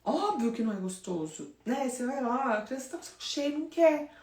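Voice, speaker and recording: An emphatic woman talks straight to parents as a sleep consultant, in an animated, conversational way. Her voice sits fairly high. It sounds echoey and a little distant from the mic. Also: a little fast. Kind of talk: direct advice talk to parents.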